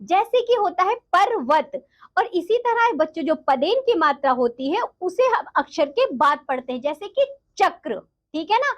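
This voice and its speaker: High, lively woman teaching children. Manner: addresses children, slow syllable-by-syllable spelling. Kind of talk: children's lesson.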